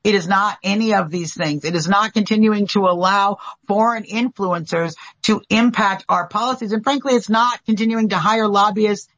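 A woman's voice: mid-range voice, moderate pace, few pauses, fairly bright tone. Emphatic woman activist on dull audio. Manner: emphatic, repetitive listing. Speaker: political activist guest. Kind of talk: political commentary.

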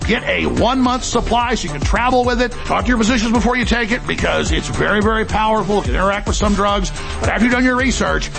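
A man with a gravelly voice reading a radio ad as an emphatic salesman. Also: high voice, expressive, fast talker. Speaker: show host pitching a product. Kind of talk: radio ad read. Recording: music bed under radio voice.

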